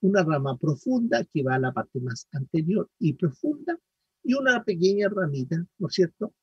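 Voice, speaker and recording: A middle-aged man lectures students, walking them through each point and checking that they follow. His voice sits fairly high and sounds a little husky. It comes across dry and muffled, picked up from a distance. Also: very animated, moderate pace, darkish tone, no room sound. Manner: explanatory, peppered with "¿no es cierto?" and "¿ya?". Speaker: anatomy lecturer. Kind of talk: university lecture.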